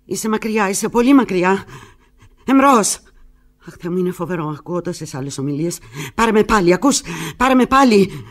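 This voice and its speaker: In a theatrical radio monologue, an actress plays an anguished, lovelorn woman alone on the telephone, pleading and fretful with halting replies. Her medium-pitched voice is natural and expressive, and the mood is frantic and pleading.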